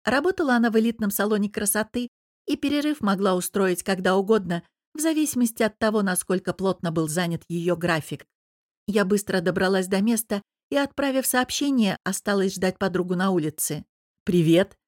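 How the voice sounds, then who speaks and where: A young woman reads a first-person audiobook in a mid-pitched, even, expressive voice. She sits close to a studio mic in a dry booth with no room echo. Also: brisk. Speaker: audiobook narrator.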